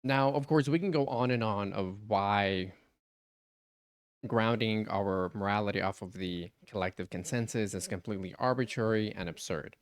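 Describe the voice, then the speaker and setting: A man's voice: on the low side, moderate pace, clear, resonant tone. A man hosting a reaction stream, talking casually and building to incredulous outbursts. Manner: animated, rising to incredulous outbursts.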